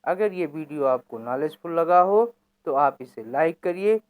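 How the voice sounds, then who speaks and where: A woman's voice: sits low, lively intonation, normal speed, a little mellow, clean tone. A woman teacher explaining a lesson, asking questions aloud and answering them herself.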